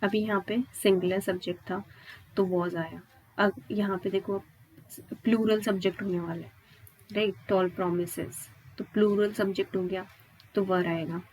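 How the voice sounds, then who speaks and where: A woman's medium-pitched, darkish voice holds a steady tone at normal speed while she teaches grammar step by step in an Indian accent. Preparing listeners for exams, she often asks questions and adds tags to make sure they follow. The low-quality audio has a little hiss or hum.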